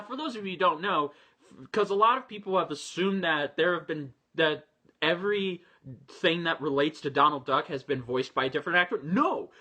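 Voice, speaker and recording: A man's voice: high voice, bright, forceful tone, slightly rough. A man giving chatty, enthusiastic reaction commentary, with frequent fillers and restarts. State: voice a little low. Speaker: reaction video host.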